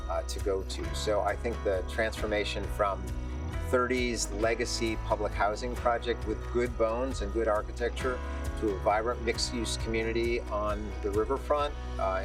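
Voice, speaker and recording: Man, architect interviewee, reflective and low, recorded from afar over music. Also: recorded from a distance. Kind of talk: documentary interview.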